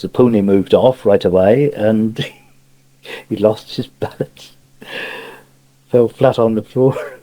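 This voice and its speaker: An older Cornish man spins a rambling local yarn, chuckling as he goes, captured on an old cassette tape. His voice is lowish, mellow and slightly rough, and the recording quality is low.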